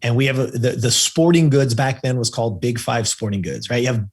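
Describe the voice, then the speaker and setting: A man's voice: medium pitch, brisk. A man in his fifties from California, a podcast guest telling a personal story with emphatic repetition. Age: 50s. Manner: animated storyteller who acts out the people he quotes.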